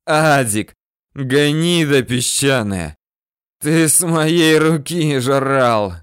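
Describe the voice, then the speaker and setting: Man putting on a vicious bandit boss, high shrill shouting, hoarse hissing curses, slow drawn-out lines. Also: no room sound, clean studio sound. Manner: screaming orders, then wheezing curses. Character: desperate wounded bandit chief, man, vicious.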